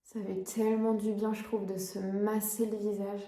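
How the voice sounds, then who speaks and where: This twenty-something beauty vlogger talks in a relaxed, chatty way, stumbling frequently over "euh" fillers. Her medium-pitched, mellow voice is delivered flatly at normal speed in an echoey space.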